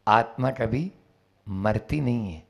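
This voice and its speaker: A man voicing a calm, serene male monk who speaks softly and slowly. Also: medium pitch, creaky, pitched below the performer's own voice. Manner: soft, slow and calm.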